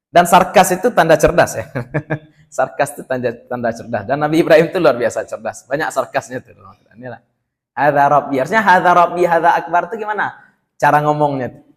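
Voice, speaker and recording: A young man, teaching a classical Islamic text study as a teacher, reciting Arabic passages and throwing rhetorical questions at the class. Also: mid-range voice.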